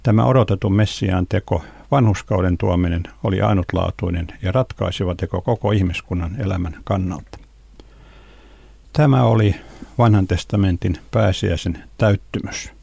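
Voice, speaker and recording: A man giving a calm, measured devotional reading of scripture and teaching on it. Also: low voice, creaky, breathy edge, no echo. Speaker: Bible teacher.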